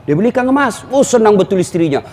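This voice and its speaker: A male preacher gives a jokey, teasing sermon in a notably high voice. His delivery is animated. The sound carries a long hall reverb over faint background ambience. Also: fast talker, noisy background. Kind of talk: humorous sermon.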